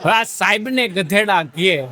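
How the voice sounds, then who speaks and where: A man's voice: high voice, lively intonation, normal speed, crowd noise. A man from telling stand-up jokes, laughing as he tells them and breaking into bits of old songs. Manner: laughing storyteller who sings snatches of old songs. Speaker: stand-up comedian.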